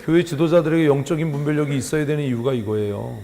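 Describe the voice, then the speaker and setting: A man preaching a sermon as pastor, firing rhetorical questions at the congregation and swinging from loud scolding to hushed emphasis. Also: a little high, fast talker, vocal fry. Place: church sanctuary. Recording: long church hall reverb.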